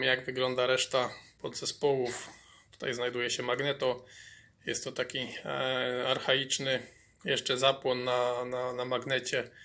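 Guy fixing an old saw in his workshop, kinda monotone, bright sharp voice, lots of um and repeats. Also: mid-range voice, vocal fry. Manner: hesitant, many fillers and repeated words. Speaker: mechanic restoring a chainsaw. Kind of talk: workshop repair commentary. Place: workshop bench.

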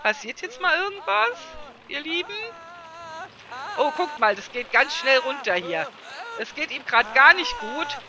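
A woman's voice: high-pitched, sing-song, a little slow, background noise. A woman giving casual gameplay commentary as a let's player, chatting to her viewers and laughing often.

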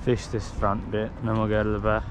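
A man's voice: on the low side, completely flat delivery, a little fast, crowd noise. A middle-aged man chatting with his son while fishing from a boat, matter-of-fact and teasing. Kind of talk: casual chat while fishing. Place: outdoors on a lagoon, on a boat. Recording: dull lo-fi sound with outdoor noise.

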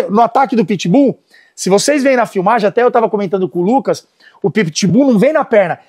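High-voiced Brazilian dog trainer. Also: male voice, husky. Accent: Brazilian Portuguese. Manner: animated storytelling, gives commands to dogs and helpers. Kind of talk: casual instructional talk.

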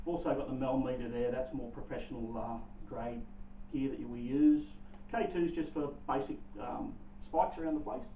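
A man's voice: mid-range voice, slight background noise. A man, a paranormal investigator explaining his equipment in a matter-of-fact way. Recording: echoey room, far off, phone-like sound.

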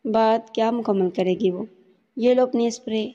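A teasing, coy young maid, read out by a woman storyteller. The voice is warm and mellow, and the dull, lo-fi recording carries a long reverb tail. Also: a little high, lightly acted. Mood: brusque.

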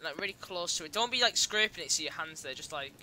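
A young man chatting over voice chat while gaming, excitable, often shouting and laughing. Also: on the high side, fast talker, slight background noise. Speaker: gamer. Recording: crowd chatter behind.

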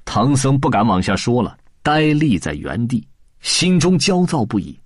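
A man narrating a classic novel as an audiobook in a lively, colloquial storytelling manner, close to the mic. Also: mid-range voice, moderate pace, breathy edge, no room sound.

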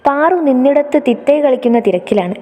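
A woman narrating a story in an expressive, scripted way. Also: sits high, a little fast. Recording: long reverb.

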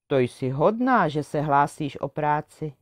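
A woman voicing a kind, gentle old woman who tends flowers, speaking softly and in a friendly way. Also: low-pitched, animated, no echo, clean studio sound. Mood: kindly. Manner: soft and friendly.

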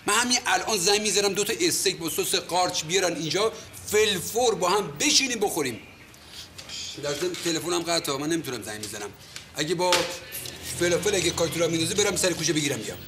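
An actor playing a pushy, smooth-talking male building manager who keeps pressing a tenant for money with insistent, coaxing talk. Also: fairly high pitch, animated, noisy background, lightly acted. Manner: wheedling, insistent, calls others "dear". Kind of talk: Persian TV comedy series acting.

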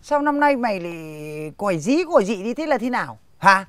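A gruff old village chief, bossy and full of grunts. His voice leaps up and down in lively swings, and it sits dry and close with no room around it. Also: high-pitched, a little fast, dry recording. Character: grumpy old male village chief, stingy and boastful. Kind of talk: slapstick comedy film acting.

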